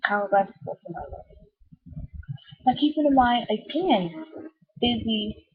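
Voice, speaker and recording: A woman with a slightly high, rough-edged voice vents casually about her job. She sounds exasperated and stresses her points emphatically, slipping into mimicked customer lines. The recording is thin and narrow, like a phone. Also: animated, measured pace. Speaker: sandwich shop worker venting about customers. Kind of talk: casual spoken rant. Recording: tinny, phone-like narrow band.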